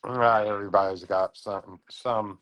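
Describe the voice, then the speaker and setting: A man's voice: on the low side, fairly even intonation, normal speed, a bit bright, muffled recording. A man chatting casually as a livestream guest, laconic and given to brief replies. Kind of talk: casual chat.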